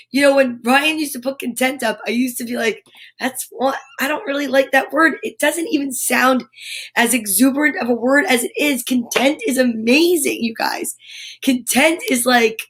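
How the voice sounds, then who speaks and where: Brief: cheerful, encouraging woman host, slightly high voice, casual live chat. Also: moderate pace, a bit bright, breathy edge. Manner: upbeat, encouraging, affirmations. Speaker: children's story time host. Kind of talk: live-streamed casual pep talk.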